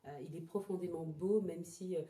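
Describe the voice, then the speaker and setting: This interview guest, a traditional therapy practitioner, has a fairly low, dark voice with mostly even intonation. Born in Togo, she lived in Ghana and relocated to France as a child, and she answers reflectively and haltingly, repeating words as she looks for her phrasing. The indoor house recording is roomy and echoing.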